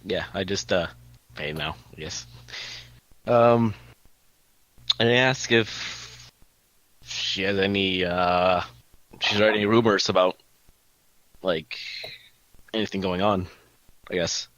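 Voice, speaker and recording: Male tabletop player, unhurried and halting, low-key casual chat, muffled lo-fi voice recording with little room sound. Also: fairly bright tone, no echo.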